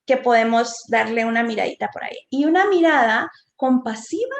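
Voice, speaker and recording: A psychotherapist speaks to parents in a high voice, chatty and engaging, often tossing in quick tag questions. Her talk comes through a video call and sounds echoey, as if from a bare room. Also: expressive. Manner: warm, conversational, frequent tag questions. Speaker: psychotherapist giving a conference talk. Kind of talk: informal lecture to parents.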